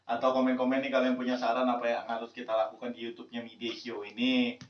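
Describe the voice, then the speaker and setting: A man co-hosting a casual football chat, relaxed and plugging the channel. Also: mid-range voice, fast talker. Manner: relaxed, wraps up with viewer plugs. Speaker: co-host. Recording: echoey dull room, distant mic.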